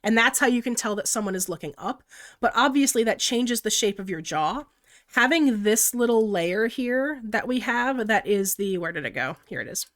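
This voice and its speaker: This young woman's nose is blocked from the flu as she casually explains how she makes digital art on stream. She sounds on the high side, expressive and a bit bright, at a moderate pace, giggling, chatting and reading chat out loud.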